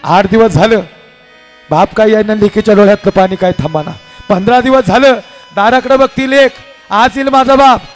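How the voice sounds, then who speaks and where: High-voiced impassioned male kirtan preacher. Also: normal speed, soft background music. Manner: impassioned, storytelling with acted dialogue. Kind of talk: devotional kirtan sermon. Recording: live hall with reverb and instruments.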